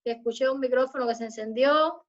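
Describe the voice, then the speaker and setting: A high-pitched woman lectures to students over a video call, her speech measured and explanatory. The audio comes through dull and lo-fi. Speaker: university lecturer. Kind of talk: online lecture.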